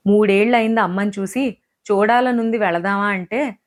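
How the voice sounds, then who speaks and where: A woman's voice: mid-range voice, moderate pace, natural voice. A woman voicing a frustrated young husband in an audiobook, reproachful and heated, in her own near-normal voice. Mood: bitter. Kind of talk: audiobook character voice.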